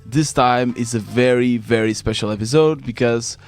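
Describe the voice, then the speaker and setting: A man's voice: medium pitch, normal speed, faint music behind. A man hosting a podcast live on stage, opening enthusiastically and asking his guest about his background. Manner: enthusiastic, many fillers. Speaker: podcast host. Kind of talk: casual interview.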